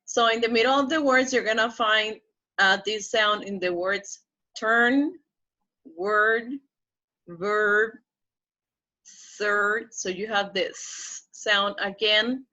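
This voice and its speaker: A woman teaching English pronunciation in a recorded lesson, explaining step by step and checking in with "okay?", slowing down to model the target words. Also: mid-range voice, fairly even intonation, bright, forceful tone, dull audio.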